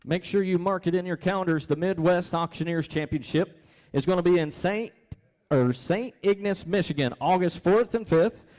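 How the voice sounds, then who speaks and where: Slightly high-voiced American male announcer. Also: moderate pace, darkish tone. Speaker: event announcer. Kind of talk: live event announcements.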